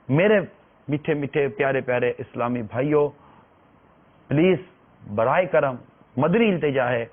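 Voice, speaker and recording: A man giving a religious talk, pleading earnestly and repeating his phrases. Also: mid-range voice. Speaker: preacher. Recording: tinny phone-like sound.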